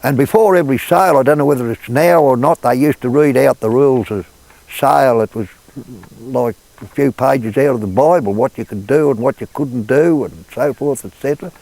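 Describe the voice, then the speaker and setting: A man's voice: medium pitch, a little fast, darkish tone, no room sound, rough recording. An older man with a rural Australian accent, recalling the past in a plain, laconic drawl. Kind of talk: oral-history reminiscence.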